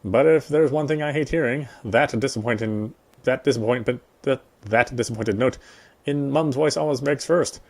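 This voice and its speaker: This male gamer has a gravelly, medium-pitched voice and reads at a moderate pace. He voices the visual novel's narration during his playthrough, sometimes stumbling and rereading bits.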